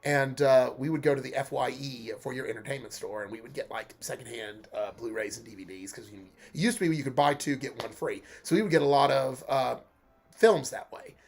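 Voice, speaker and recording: A man's voice: medium pitch, brisk, vocal fry. Congested young man chatting while streaming. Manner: chatty, laughs often, lots of uh fillers. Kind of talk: casual let's-play stream chat.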